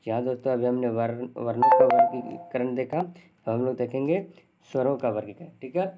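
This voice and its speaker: Loud music plays behind a man with a fairly quick, mid-range voice, and the highs are cut off. He's giving exam students a Hindi grammar lesson, answering his own questions, repeating definitions, and often saying "thik hai."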